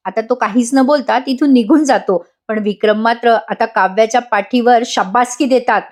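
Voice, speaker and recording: Woman reviewer, chatty recap voice-over, higher pitch. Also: normal speed, a little mellow. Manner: chatty, addresses the audience. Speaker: episode reviewer.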